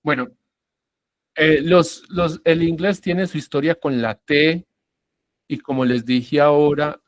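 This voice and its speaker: Brief: male teacher, patient explainer, mid-pitched, dry close sound, checks in with the class. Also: dry recording. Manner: explains patiently, checks in often, models words slowly. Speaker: English teacher. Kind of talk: online English lesson.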